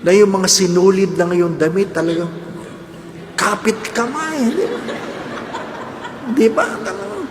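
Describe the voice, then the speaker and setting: Male priest, humorous homily, fairly high and very expressive voice, constant call-outs to the congregation; long church reverb. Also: unhurried, vocal fry, long pauses, background noise. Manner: animated, jokes, keeps asking the congregation "di ba?". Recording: echoey church hall with faint ambience.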